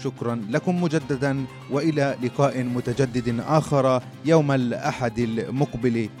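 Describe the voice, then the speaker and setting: A man hosting a podcast in a formal, measured public radio manner. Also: medium pitch, steady tone, a little mellow, soft background music. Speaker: podcast host.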